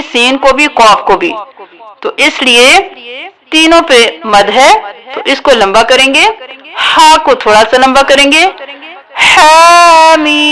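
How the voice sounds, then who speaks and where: A woman teaching Quran reading, drawing out each letter in sung recitation between quick explanations, with music underneath. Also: high-pitched, sharp tone, low-quality recording. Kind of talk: slow spelled-out recitation lesson.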